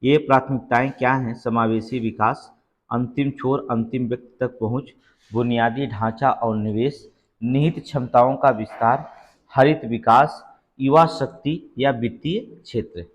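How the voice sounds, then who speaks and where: A man's voice: mid-range voice, fairly even intonation, measured pace, dull audio. A man teaching an exam-prep lesson, reading out quiz questions and repeating each answer with frequent check-ins. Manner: reads questions then repeats answers, many "theek hai" checks.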